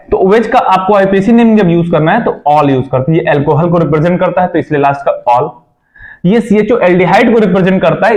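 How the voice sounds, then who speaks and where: A man's voice: high voice, a little mellow. A young man teaching a chemistry lesson, checking in with his students often and repeating his own questions.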